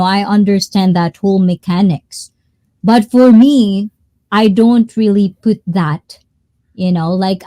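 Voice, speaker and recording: Mellow-voiced woman hosting a live chat. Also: medium pitch, no echo. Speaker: host and moderator of a live group chat. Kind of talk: casual live chat talk.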